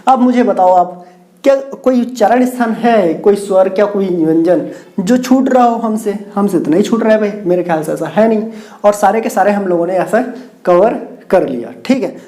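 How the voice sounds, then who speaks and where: A man teaches a grammar lesson at a board. His voice is mellow and dark, and he keeps repeating points, asking questions and then answering them himself. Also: sits high, normal speed. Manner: repetitive, asks and answers own questions. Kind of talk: whiteboard lecture with mnemonics.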